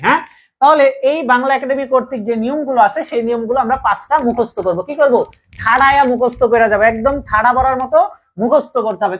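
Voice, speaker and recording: Woman teacher from Bangladesh, higher voice, repeats each rule as a question for the class. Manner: drills students with repeated call-and-answer questions. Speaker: online Bangla grammar teacher. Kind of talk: live online class lesson.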